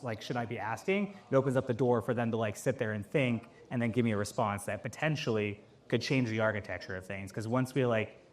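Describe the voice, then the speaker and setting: A young man answering questions at a live event, talking casually with lots of "like" and "um". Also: mid-range voice. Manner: casual, filler-heavy, lots of "like". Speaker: AI consultant on stage. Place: office event space with audience.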